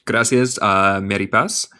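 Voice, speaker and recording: An American man from Michigan teaching English, reading a fable word by word and repeating phrases slowly. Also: lowish voice, sharp tone, clean tone. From United States. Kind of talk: slow live English reading lesson.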